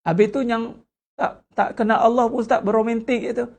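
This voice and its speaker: A religious teacher with a Malaysian Malay accent giving an animated lecture, full of rhetorical questions and acted-out prayers. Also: mid-range voice, normal speed, creaky.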